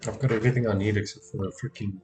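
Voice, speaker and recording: A game streamer delivers casual live commentary over game music, muttering to himself and often repeating words. His voice is fairly low and darkish, with fairly even intonation and a rapid-fire pace.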